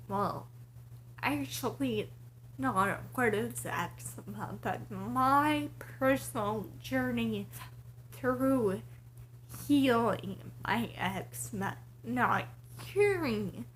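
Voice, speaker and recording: A woman vlogger with breathy, airy starts to her words, talking casually in slow, halting, short broken phrases. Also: fairly high pitch, slight background noise. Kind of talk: casual personal vlog to camera.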